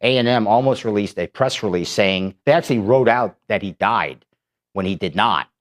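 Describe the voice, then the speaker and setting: This Manhattan-born documentary filmmaker, a man with a lowish voice, speaks at a moderate pace. Appearing as a studio guest in a relaxed, radio-style interview, he's chatty, full of stories and quick to laugh.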